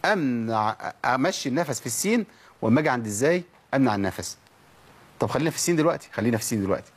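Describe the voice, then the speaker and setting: A man's voice: medium pitch, expressive, rapid-fire, breathy edge. A man with an Egyptian accent teaching a tajweed lesson, asking rhetorical questions and drilling letter sounds aloud. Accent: Egyptian Arabic. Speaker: Quran recitation teacher.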